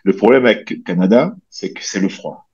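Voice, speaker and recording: This guest, a bodybuilder and coach from French Guiana in his thirties, chats casually in an interview over a video call, using a headset indoors in a small room at home. He talks fairly quickly in a low, slightly husky voice, relaxed and rambling with plenty of fillers and restarts. The sound of the call is slightly dull.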